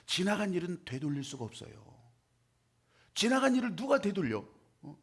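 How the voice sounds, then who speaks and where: A man preaching a sermon as pastor, dramatic, acting out quoted voices and swinging between shouts and hushed lines. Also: high-pitched, big pitch swings, moderate pace, breathy edge.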